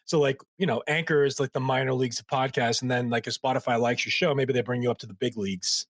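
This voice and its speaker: A man's voice: medium pitch, steady tone, quick pace, no echo, clean studio sound. A man co-hosting a marketing podcast in casual chat, talking loosely with many likes and frequent laughs. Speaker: podcast co-host.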